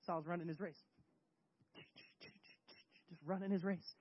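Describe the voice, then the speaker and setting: A man's voice: high-pitched, steady tone, unhurried, slight background noise. A male pastor giving a casual, joking sermon, acting out scripture scenes, in a muffled lo-fi recording. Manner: conversational, joking, acts out bible characters.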